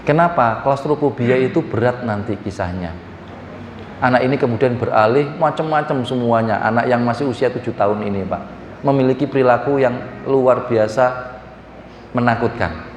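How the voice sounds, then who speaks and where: A man preaching a sermon with an East Javanese accent, lively and joking, often acting out little voices and speaking straight to the audience. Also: medium pitch, normal speed, a little hiss or hum. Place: hall. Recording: echoey hall from far off.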